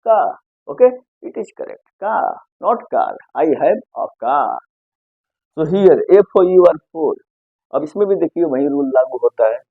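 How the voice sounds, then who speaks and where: A man's voice: on the high side, lively intonation, slow, breathy edge, no echo, narrow, tinny audio. A man teaching an English pronunciation lesson in Hindi, asking questions and answering them himself, repeating key points. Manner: stretches out single words, often ends with "ठीक है ना?".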